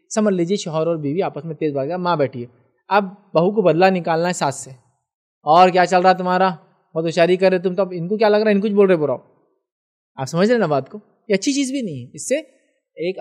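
A man from India gives a religious question-and-answer talk, with a voice that sits a little high for a man. He lays out his reasoning step by step and keeps asking whether the listener has understood. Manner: explanatory, often checks the listener understands. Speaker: Islamic scholar answering viewers' questions.

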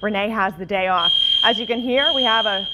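A woman's voice: medium pitch, brisk, heavy background noise. A young woman with an American accent anchoring morning news from a studio. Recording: loud fire alarm blaring in studio.

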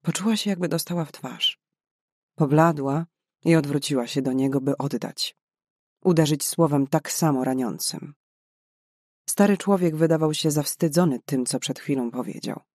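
A man narrating a novel in a measured, dramatic reading voice. His voice sits a little high for a man, and the recording is dry and close, with no room echo. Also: darkish tone. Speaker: audiobook narrator. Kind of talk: scripted narration.

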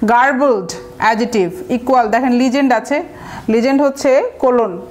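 A Bangladeshi woman with a high voice gives a recorded vocabulary lecture. She explains step by step, repeats the key words and slips English terms into her talk. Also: normal speed, a little mellow.

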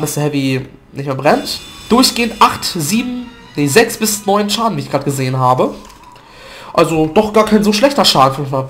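A man with a fairly bright, somewhat high voice and a stuffy nose from a cold gives loose gameplay commentary for a gaming video, full of fillers and self-corrections. He's recorded on a desk mic at home.

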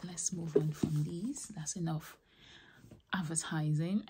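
A woman with a low voice delivers whispered ASMR chat, slipping between breathy whispers and soft speech. She is close to the microphone, and the recording has clear background noise with clicks. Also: fairly even intonation, measured pace. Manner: soft, repetitive trigger words. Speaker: ASMR host.

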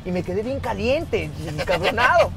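A man with a Mexican accent, a former footballer, telling a crude, animated story in casual conversation. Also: high voice, moderate pace, very noisy. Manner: animated, crude, laughing between lines.

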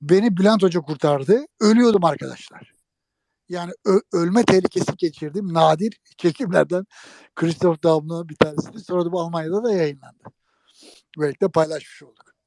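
Speaking briskly at a fairly high pitch, a man tells an interviewer a funny old prank story in a lively, jokey way, talking straight to his listeners. The recording has no echo.

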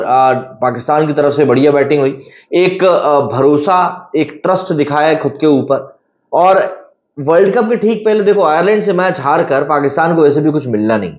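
A man's voice: on the high side, a little mellow. A man giving a casual, chatty cricket match analysis, often calling viewers brother. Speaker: cricket news presenter. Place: studio. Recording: echoey, slightly dull room recording.

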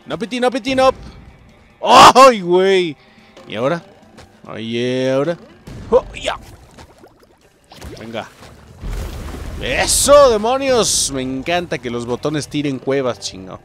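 Excitable Mexican man commenting on gameplay. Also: a little high, measured pace, pauses often, soft background music. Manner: excitable, swears, exclaims at the game, talks to viewers. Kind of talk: let's-play commentary.

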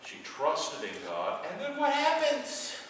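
A middle-aged man, a priest, preaching a sermon with big swings between loud passages and hushed ones. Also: sits high, huge pitch swings, slow, a little hiss or hum. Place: church sanctuary. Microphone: far camera. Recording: echoey church from far off.

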